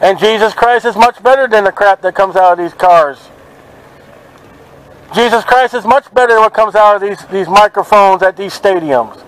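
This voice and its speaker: A man preaching outdoors at a market, forceful and confrontational, quoting scripture to passers-by. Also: high-pitched, moderate pace, poor audio. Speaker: street preacher. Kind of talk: open-air street preaching. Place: outdoors at a city market by traffic.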